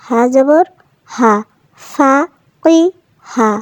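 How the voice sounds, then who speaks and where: A woman teacher sounds out letters and syllables for children at a very slow, deliberate pace, saying each one twice. Her voice sits high, and the recording is dry and close with no room sound. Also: dry recording. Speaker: Quran reading teacher. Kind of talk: slow phonics drill for children. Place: voice-over for a cartoon lesson.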